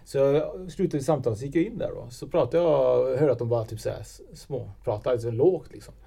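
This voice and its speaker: A man's voice: mid-range voice, gravelly, dark tone, slightly rough. A man talking casually as a podcast host, telling an anecdote in a loose, chatty way full of fillers. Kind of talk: casual chat.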